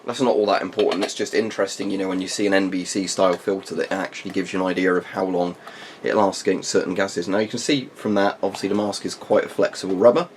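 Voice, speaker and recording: A man's voice: low-pitched, fairly even intonation, fast talker. A man reviewing military surplus gear in a casual, unscripted way, explaining informally with rambling asides. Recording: faint background noise.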